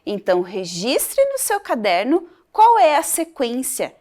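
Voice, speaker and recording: A woman teacher with a Brazilian Portuguese accent giving a recorded video lesson to young children, stretching out words and syllables slowly. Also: high voice, wildly swooping pitch, warm tone. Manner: slow, sing-song, spells out syllables.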